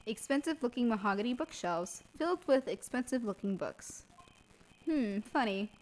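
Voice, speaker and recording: A woman's voice: on the high side, expressive, normal speed, close to an everyday voice, poor audio. A woman voicing a young male defense lawyer in her own voice, reading game narration in a dry, wry manner. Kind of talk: reading game dialogue aloud.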